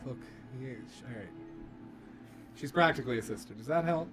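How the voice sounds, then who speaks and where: A man's voice: mid-range voice, expressive, normal speed, over music, poor audio. A man playing a tabletop game, mixing casual banter with wry, wheedling in-character improvisation.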